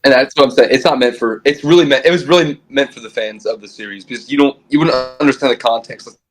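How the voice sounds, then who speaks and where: Young male podcast co-host, rapid excitable delivery, low-quality phone stream audio. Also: over music. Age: young adult. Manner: quick, excitable, many restarts. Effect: low-quality phone recording of a stream. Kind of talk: casual fan podcast chat.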